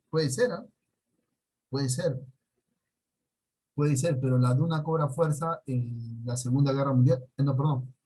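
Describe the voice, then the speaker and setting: A man's voice: medium pitch, darkish tone, breathy edge, low-quality recording. A man teaching secondary school history, going over exam answers in a talky way, asking "¿no?" after most points and adding dry warnings. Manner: conversational, frequent tag questions, dry warnings. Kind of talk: recorded exam review for students.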